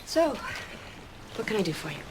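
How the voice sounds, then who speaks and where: An actress playing a self-assured woman child therapist who talks down in a measured, patronizing way. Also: mid-range voice, very animated, background noise, natural voice. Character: condescending woman psychologist, smooth and self-assured.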